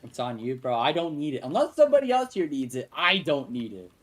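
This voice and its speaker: Lively young Texan game streamer. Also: male voice, fairly high pitch, brisk. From Texas. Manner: rambling, answers chat, laughs often. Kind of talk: casual live-stream chat.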